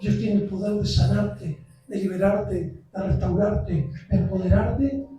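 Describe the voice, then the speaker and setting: Impassioned preacher in an echoey church. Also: male voice, sits high, steady tone, unhurried, recorded from a distance, faint music behind. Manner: impassioned, builds to shouts. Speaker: visiting preacher. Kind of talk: sermon. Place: church sanctuary. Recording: very echoey church, heard from afar.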